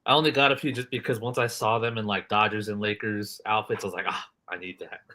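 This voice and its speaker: A man in a casual chat who talks quickly with chuckling asides. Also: lowish voice, flat delivery, bright, forceful tone.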